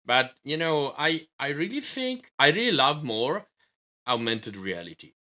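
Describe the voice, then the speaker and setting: A man co-hosting a game dev live stream, chatting eagerly and haltingly, repeating words as he starts his sentences. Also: on the high side, very animated, pushed and bright. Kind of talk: casual chat on a live stream.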